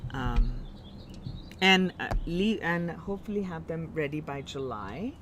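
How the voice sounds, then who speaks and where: A low, animated voice, a little slow, carries over slight background noise as this woman with an Indian accent does a live tarot reading. She ponders aloud, reassures listeners warmly, and often breaks off and restarts.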